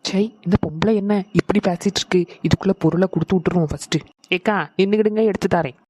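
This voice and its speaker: A woman's voice: lowish voice, quick pace, a little mellow, lightly acted. A woman voicing a kindly, fatherly middle-aged male shopkeeper in a cartoon. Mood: concerned. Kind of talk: cartoon voice acting.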